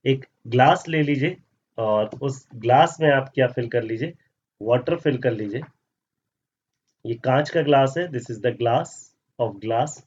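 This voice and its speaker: A man's voice: medium pitch, slow, a little mellow, husky. A male science teacher explaining a lesson, often asking questions and answering them himself and calling students "beta". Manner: mixes Hindi with English terms. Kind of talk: classroom lesson explaining over slides. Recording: slightly dull audio.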